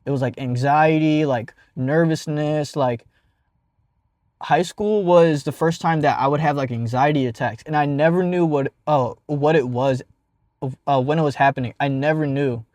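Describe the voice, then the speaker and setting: A young man who stutters tells a casual personal story as a vlogger, full of fillers and restarts. His voice is fairly high and a little mellow, at a moderate pace, recorded cleanly in a studio with no room sound.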